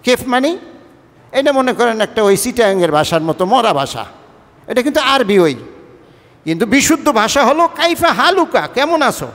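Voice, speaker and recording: A man's voice: very high-pitched, big pitch swings, brisk, long pauses, a bit bright, long reverb tail. A man from Bangladesh's Barishal region, speaking with a Barishal-tinged Bengali accent, preaching a Friday sermon. He talks conversationally, mixing colloquial and formal speech, and keeps asking the congregation questions. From Barishal-Patuakhali region of Bangladesh. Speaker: imam preaching.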